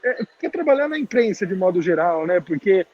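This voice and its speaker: A high-voiced man speaks informally through a face mask. His voice is husky and muffled, and the video call sounds dull. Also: sing-song, fairly quick. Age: around 30. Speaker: guest speaker, TV journalist. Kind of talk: informal career talk to students. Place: public place, on a video call.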